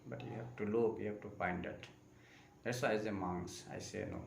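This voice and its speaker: Deep, gravelly Buddhist monk speaking slowly. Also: male voice, fairly even intonation. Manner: slow, repetitive phrasing in non-native English. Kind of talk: live-streamed Dharma talk. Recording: echoey room with faint ambient noise.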